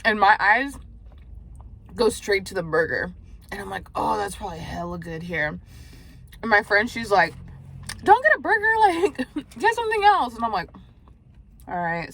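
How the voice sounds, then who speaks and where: A woman's voice: mid-range voice, unhurried, long pauses, fairly bright tone. A young woman chatting casually and profanely while eating in a parked car, often dropping to a near whisper. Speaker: mukbang vlogger.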